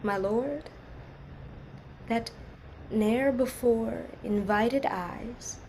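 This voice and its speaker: An orphaned young maiden of noble birth. Her voice is on the high side, and she delivers classical stage verse slowly, with guarded, earnest sorrow. A light noise sits behind her. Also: darkish tone, poor audio. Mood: quiet sorrow. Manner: earnest, measured, formal.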